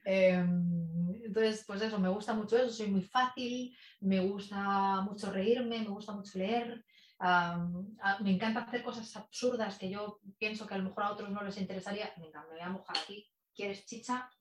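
A woman guest talking about public speaking in a chatty, expressive and playful way, in a casual in-person interview. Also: medium pitch, moderate pace, a crowd in the background. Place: in person in a room with the host. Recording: echoey room.

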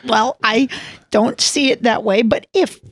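A woman playing an obsessive, melodramatic sports superfan with a creaky voice in improvised comedy. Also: fairly high pitch, measured pace, dry recording, studio quality. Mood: menacing. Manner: melodramatic, swinging from threats to anguish. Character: obsessive, menacing, overwrought female sports superfan Donna.

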